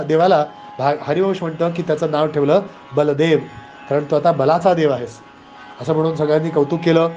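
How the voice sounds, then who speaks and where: A man with a Marathi accent giving a devotional scripture discourse, animated and conversational with moralizing asides. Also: fairly high pitch, lo-fi sound. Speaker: spiritual storyteller.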